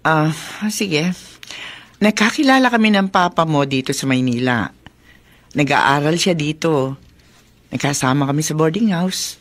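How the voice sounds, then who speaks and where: In a Filipino radio drama, a woman with a low voice plays a middle-aged widowed mother who is caring and knowing. She teases gently and sounds motherly, with a tender, wistful mood.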